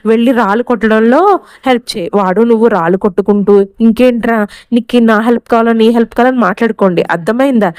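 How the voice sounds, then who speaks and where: A woman's voice: on the high side, fast, darkish tone, smooth, dry recording, clean studio sound, close to an everyday voice. A woman reading the lines of a domineering, scornful woman who scolds and orders. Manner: scolding, commanding.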